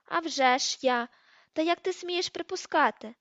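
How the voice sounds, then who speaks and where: Proud, icy female ghost, read by a woman, high voice, dry dull audiobook sound. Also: a little fast, dry recording, natural voice. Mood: indignant. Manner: haughty, disdainful.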